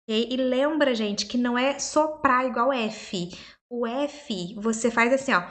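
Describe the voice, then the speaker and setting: A young woman, a native Portuguese speaker, teaching English pronunciation step by step and repeating words slowly. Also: fairly high pitch, fairly bright tone. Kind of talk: pronunciation lesson.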